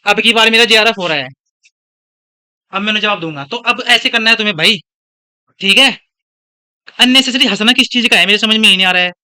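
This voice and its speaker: Young male teacher from India, high and very bright voice, chatty and scolding in a classroom lecture. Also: fairly quick, pauses often, clear, resonant tone. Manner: scolding, chatty, switches between lecture and anecdotes.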